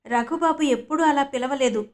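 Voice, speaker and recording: A woman from Andhra Pradesh reading a serial novel aloud in a steady storytelling style. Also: high-pitched, normal speed. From Andhra Pradesh, India. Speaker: audiobook narrator. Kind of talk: scripted narration of a serial novel.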